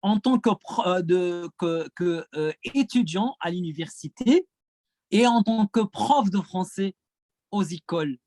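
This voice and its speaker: A man from Gaza answers conference questions as a French teacher, speaking Arabic-accented French since Arabic is his mother tongue. His voice sits high and sounds expressive, a little slow and darkish, with no room sound; his speech is hesitant and full of repetitions.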